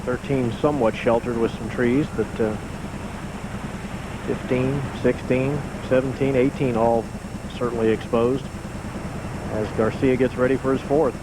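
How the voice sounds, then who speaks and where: A man's voice: medium pitch, fairly even intonation, measured pace, pauses often. A man commentating live on televised golf as the lead announcer. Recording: loud outdoor ambience, engine-like noise.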